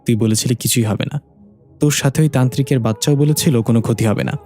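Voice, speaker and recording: A grieving father who turns harsh and unforgiving, as a male storyteller reads him. He speaks in a mellow, dark tone with soft music underneath. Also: medium pitch, fast talker, close to an everyday voice. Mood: stern. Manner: stern, harsh.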